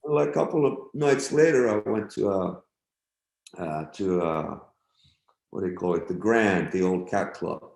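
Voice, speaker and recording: A man's voice: low-pitched, normal speed, gravelly, a little mellow. A middle-aged man and guest musician, laid-back and swearing freely as he tells stories and acts out quotes. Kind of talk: casual interview storytelling. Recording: roomy echo.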